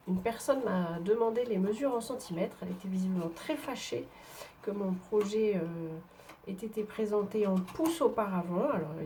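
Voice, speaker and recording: Speaking at medium pitch with a dark tone, a woman from northern France narrates a papercraft tutorial while working at her table. Her head cold makes her sound blocked up, and she explains things in a relaxed, talkative way with plenty of fillers and hesitations. Faint background noise is audible.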